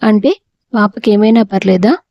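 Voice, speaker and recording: A woman's voice: mid-range voice, moderate pace, no room sound, highs cut off, natural voice. A woman voicing a hurt young wife and mother who speaks reproachfully. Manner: tearful, reproachful.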